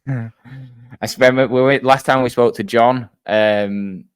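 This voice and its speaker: A young man hosts a podcast in casual chat, his Mancunian accent tinged by the Wigan area near Manchester, England. He swears freely, laughs often, and uses lots of fillers, his mid-range voice smooth, unhurried, and fairly even in intonation.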